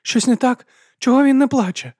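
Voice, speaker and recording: A man's voice: fairly high pitch, expressive, brisk, slightly rough, dry recording, studio quality, voice pushed up. A man reading an audiobook voices a frightened young woman who has just given birth, her voice trembling and anxious.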